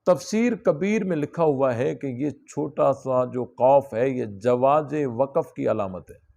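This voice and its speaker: A man's voice: medium pitch, creaky, warm tone. A man teaching a religious class, explaining a text step by step and asking his students questions. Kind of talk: classroom lesson on scripture.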